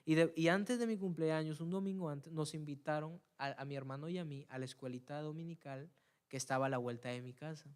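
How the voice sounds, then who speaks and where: A man preaching a church sermon, telling a personal story and building to loud, fervent appeals, often repeating words as he searches for them. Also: fairly high pitch, steady tone, brisk, smooth. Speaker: preacher giving testimony. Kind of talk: Spanish-language church sermon.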